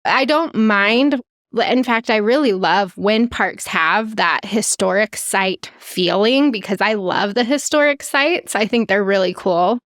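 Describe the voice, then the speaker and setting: A woman's voice: mid-range voice, measured pace, a bit bright, dry recording. A woman co-hosting a podcast, chatting casually in a frank, dry way with loose restarts. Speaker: podcast co-host.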